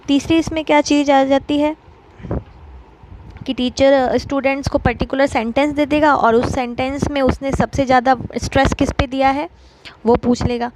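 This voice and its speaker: A woman's somewhat high, steady voice walks students through an exam-prep lesson patiently, one step at a time. Her explanations are dotted with filler pauses, over a faint background hiss.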